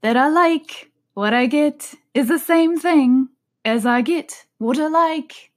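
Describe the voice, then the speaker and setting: Woman doing a loud rude march hare. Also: sits high, slow, pitched above the performer's own voice.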